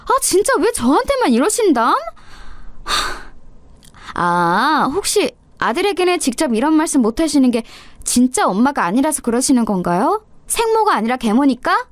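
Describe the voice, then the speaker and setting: A woman's voice: high voice, very animated, normal speed, no room sound. A woman voicing a sly, insolent young daughter-in-law who speaks with false politeness and sarcasm. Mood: mocking. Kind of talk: storytelling role-play.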